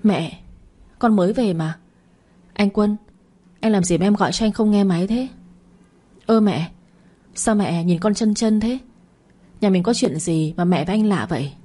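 A woman's voice: mid-range voice, moderate pace, pauses often, warm tone, natural voice. A woman voicing a sour sly young woman. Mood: feigned innocence. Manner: falsely innocent, sour.

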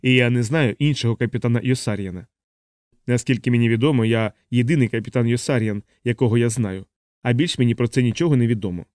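A man voicing a sardonic young bomber captain in a hospital bed, speaking in a deadpan, mocking way. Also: medium pitch, fast, no room sound, clean studio sound, lightly acted.

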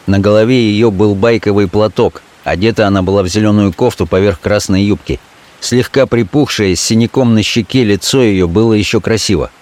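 A man narrates classic prose in a low, steady voice. His reading is measured and even.

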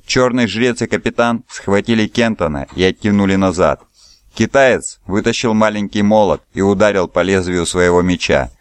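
Male audiobook narrator, steady storytelling, low voice, dry close mic. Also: smooth, dry recording. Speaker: audiobook reader. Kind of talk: scripted narration.

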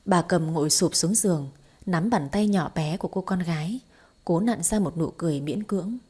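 A woman reading a romance story aloud in steady, scripted audiobook narration. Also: on the low side, moderate pace, slightly rough.

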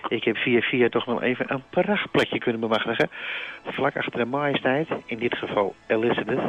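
A man's voice: medium pitch, fairly quick, dull audio, natural voice. A man playing a starstruck, chatty male reporter who rambles on in a comic fake live report. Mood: gushing. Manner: chatty, rambling, self-congratulatory. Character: bumbling, starstruck male reporter at a royal wedding.

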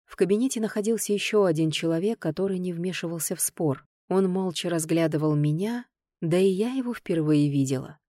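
Woman reading a first-person audiobook, lively and expressive, dry close mic. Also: lowish voice, a little fast, dry recording. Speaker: audiobook narrator.

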